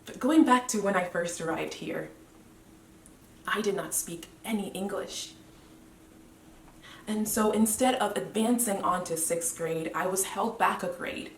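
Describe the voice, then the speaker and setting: A woman in her twenties from Cameroon, a medical student giving a measured, earnest motivational speech with deliberate pauses. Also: medium pitch, far from the mic, a little hiss or hum. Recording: roomy echo, voice away from the mic.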